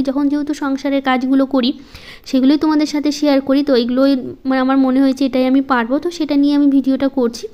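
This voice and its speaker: Soft-spoken high-voiced woman. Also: dull audio. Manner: slow, soft-spoken, halting. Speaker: home vlogger. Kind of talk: casual voice-over vlog.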